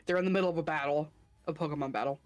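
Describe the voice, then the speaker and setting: A woman's voice: low voice, rapid-fire, dull audio, soft background music. A woman chatting casually with a friend on a stream, easygoing and dropping the odd "uh". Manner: easygoing, fills with "uh". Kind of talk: casual chat.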